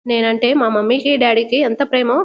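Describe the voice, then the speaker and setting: A woman voicing a young woman who has been tied up and cheated, shouting threats. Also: fairly high pitch, steady tone, brisk, natural voice. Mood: angry.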